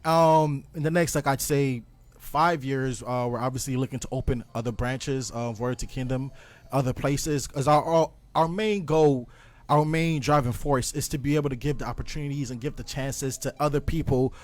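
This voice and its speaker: A man's voice: mid-range voice, steady tone, normal speed, a little mellow, no room sound. A young man from Ghana, a guest, talking earnestly and reflectively in a casual interview, with plenty of ums and restarts. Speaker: guest music producer.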